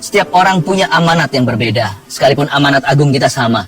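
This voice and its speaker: A pastor preaching a sermon in a lively manner, with humor and acted-out quotes. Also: male voice, medium pitch, fast, recorded from a distance, soft background music.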